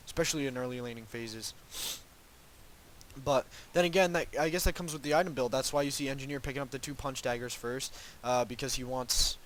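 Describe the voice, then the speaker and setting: Sounding stuffed up from a cold, this young male game caster handles an esports match solo, calling the play-by-play. He speaks at a medium pitch, with slight background noise behind him, and his commentary wanders with plenty of ums, hedges, and false starts.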